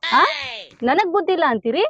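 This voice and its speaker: A woman's voice: very high voice, animated, normal speed, a bit bright. An actress playing an indignant young bride who scolds her fiancé, speaking with a North Karnataka Kannada accent in a comic short film. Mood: scolding. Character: indignant young bride, quick to take offence. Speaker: actor. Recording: muffled sound with faint background noise.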